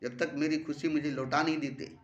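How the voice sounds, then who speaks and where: A man voicing God as a wounded, angry deity who rises to loud, aggrieved outbursts, in a roomy recording. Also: on the high side, steady tone, brisk, dull audio, lightly acted. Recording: roomy echo.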